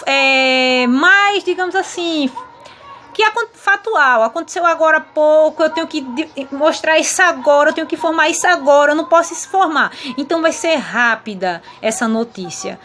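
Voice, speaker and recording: A woman's voice: sits high, normal speed, a bit bright. A Brazilian woman teaching a grammar lesson to sixth graders in an affectionate, explanatory way, voicing her pupils' questions herself. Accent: Brazilian Portuguese.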